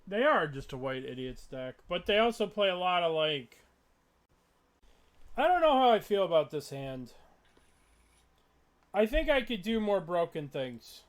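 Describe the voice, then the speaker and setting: Male player doing relaxed, unhurried game commentary, voice slightly high and swinging up and down a lot, muttering and cursing now and then. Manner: mutters and thinks aloud, swears when frustrated. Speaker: player commentating his own online card game matches. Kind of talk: casual gameplay commentary.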